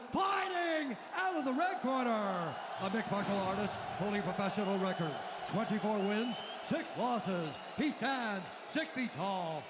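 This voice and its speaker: A man booms out fight introductions as a ring announcer, shouting the names and stretching them out. His pitch is extremely high and his delivery slow and deliberate. His voice echoes through a noisy arena. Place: large indoor arena. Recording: echoey arena with loud crowd noise.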